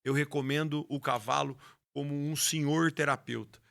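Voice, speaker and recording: A man's voice: a little high, steady tone, normal speed, gravelly, fairly bright tone. A man, a rodeo announcer and horse trainer telling his story with passion in an interview, often restarting his words. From Brazil. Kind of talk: interview conversation.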